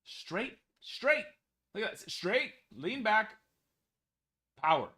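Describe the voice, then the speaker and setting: His voice is high-pitched, slow, and slightly rough: a young, easygoing man hosting a live card break. He casually reads numbers off in a steady run, clearly losing his voice.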